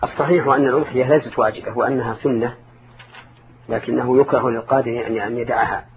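A man's voice: mid-range voice, fairly even intonation, quick pace. An older man giving religious counsel in formal Arabic as a scholar, didactic, repeating and rephrasing for emphasis. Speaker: Islamic scholar answering listeners' questions. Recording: narrow phone-like band, clear background noise.

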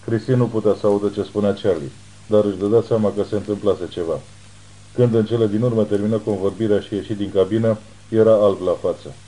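A man reading an audiobook in a steady, even narration. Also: fairly low pitch, rough recording. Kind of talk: scripted narration.

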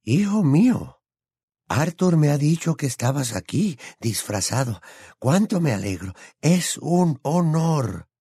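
A fussy, tearful old wizard speaks with a high, halting, quavering voice, as a male narrator puts him on. His slow, earnest delivery rises and falls widely in pitch. The audiobook recording is dry and close. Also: very animated, dark tone, slightly rough, no echo, full character voice. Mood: fond. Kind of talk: audiobook character voice.

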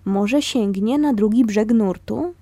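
A woman reading a memoir aloud, telling it in a calm, steady way. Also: on the high side, slow pace, dry recording. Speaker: reader of a memoir.

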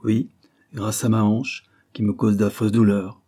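A man's voice: fairly low pitch, level tone, unhurried, mellow. Man voicing a sardonic young invalid, teasing. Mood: mocking. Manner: teasing, ironic. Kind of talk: audiobook character reading.

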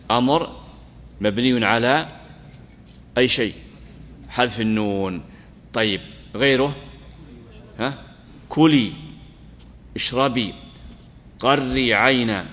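A middle-aged man teaching a grammar lesson to students, asking them questions, repeating key words and stressing examples loudly. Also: mid-range voice. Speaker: sheikh teaching Arabic grammar. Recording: long reverb of a lecture hall.

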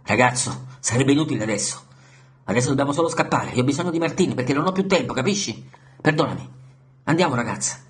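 A man voicing a frantic, distraught old grandfather who talks in urgent pleas and hushed, grieving recollection. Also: mid-range voice, lively intonation, quick pace, close to an everyday voice. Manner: urgent, pleading, then hushed and sorrowful.

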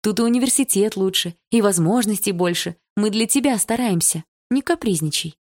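A woman's voice: mid-range voice, lively intonation, normal speed, darkish tone, dry recording, studio quality, pitched above the performer's own voice, natural voice. A woman voicing an anxious middle-aged mother who soothes and then pleads in an audiobook. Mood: soothing.

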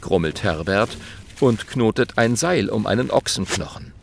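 A man narrating a children's audiobook, lively and playing many characters. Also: lowish voice, normal speed, gravelly, slight background noise. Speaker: storyteller.

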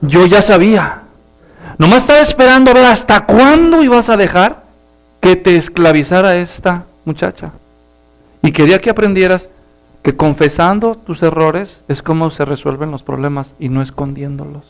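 A man voicing a wise older grandmother who speaks patiently and gently. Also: high voice, normal speed, faint music behind. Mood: gentle.

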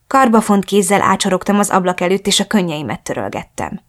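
A woman's voice: mid-range voice, big pitch swings. Woman reading a novel aloud. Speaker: audiobook narrator. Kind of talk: first-person novel narration.

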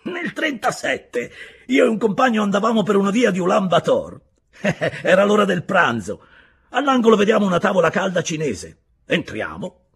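A man voicing a Siberian prisoner recounting an old anecdote in a loud, expressive whisper, chuckling as he goes. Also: high voice, husky, voice pushed up, exaggerated voice. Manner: whispering loudly, chuckling storyteller. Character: male Siberian prisoner telling a funny memory.

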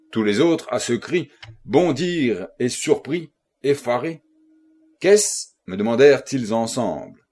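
A man reads a first-person novel aloud with expressive, dramatic delivery. His voice is a little husky, and his pitch swings widely to carry the tension of the scene. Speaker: audiobook reader.

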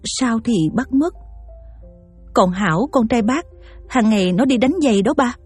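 A woman's voice: a little high, measured pace, darkish tone, breathy edge. An actress with a Southern Vietnamese accent playing a poor, devoted young mother who speaks politely and pleadingly, over faint music. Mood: humble.

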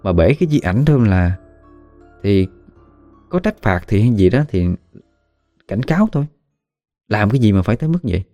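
A man's voice: lowish voice, sing-song, moderate pace, pauses often, mellow. A man with a Southern Vietnamese accent narrating a ghost story in a conversational way with dramatic asides. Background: faint music.

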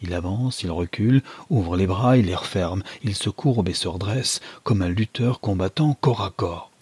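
A man narrates a novel in measured, dramatic first person, building tension line by line. His voice sits low with a husky grain. The recording is dry, with no room sound around it. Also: darkish tone, no room sound. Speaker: audiobook reader.

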